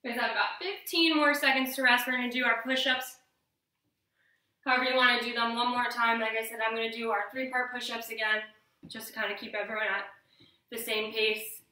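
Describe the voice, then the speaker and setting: Female aerobics instructor, higher-pitched, encouraging home-workout coach, heavily reverberant room sound. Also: steady tone, a little fast, sharp tone. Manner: aerobics-instructor style, encouraging, counting reps aloud. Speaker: fitness instructor. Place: living room with wooden floor. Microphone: camera mic from a few metres. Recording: very echoey room, distant mic.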